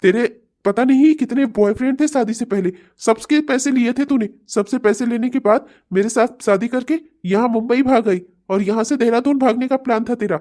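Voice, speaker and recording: A sneering, taunting man in a cartoon comedy, as a woman voices him, pitched lower and dark in tone. He mocks with sly questions and then shouts in rage. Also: moderate pace, few pauses, natural voice. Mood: furious. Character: smug, taunting man getting revenge, later furious. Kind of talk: Hindi cartoon comedy voice acting.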